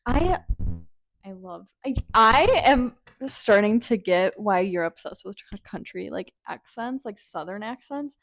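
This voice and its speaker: A woman's voice: medium pitch, lively intonation, unhurried, fairly bright tone. A young woman co-hosting a podcast in casual gossip chat, giggly and gushing. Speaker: podcast co-host.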